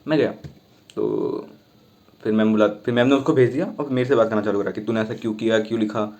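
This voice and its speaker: Fast-talking young man telling a story. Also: fairly low pitch. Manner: chatty, animated retelling with quoted dialogue. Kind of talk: casual personal storytelling.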